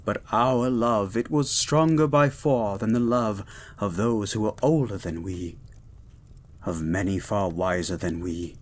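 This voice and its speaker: Man voicing Beast, a low, hushed romantic gentleman. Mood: mournful, devoted. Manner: hushed, slow, formal, ardent. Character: Beast, gentle learned blue mutant, devoted romantic lover. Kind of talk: romantic poetry reading and intimate audio roleplay.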